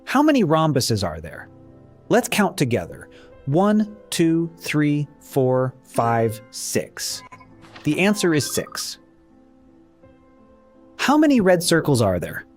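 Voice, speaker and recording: This man teaching young children to count has a fairly high voice that swoops wildly up and down. He asks how many shapes there are, then counts them aloud one by one in a slow, sing-song question-and-answer style, with soft music underneath.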